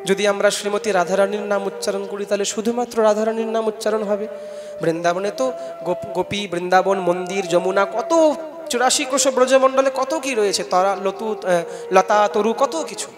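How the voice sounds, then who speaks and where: High-voiced Bengali preacher in a reverberant hall. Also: male voice, moderate pace, music in the background. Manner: chants Sanskrit verses loudly, then explains them conversationally; urges the audience to call out responses. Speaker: Bhagavat katha preacher. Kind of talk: devotional scripture discourse. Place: large festival gathering hall.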